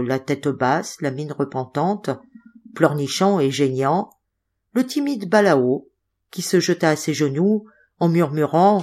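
A woman reads a classic novel aloud in a measured, expressive storytelling manner. Her voice sits on the low side. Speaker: audiobook reader. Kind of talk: literary audiobook narration.

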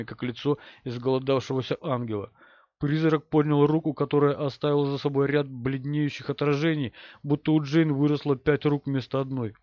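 A man narrating a horror audiobook in a measured, steady way. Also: mid-range voice, dry recording, muffled recording.

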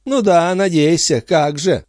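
A man voicing a sharp-tongued, scornful young mother who scolds and exclaims, in a read-aloud story. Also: fairly high pitch, measured pace, no echo, clean studio sound, voice pushed up, natural voice.

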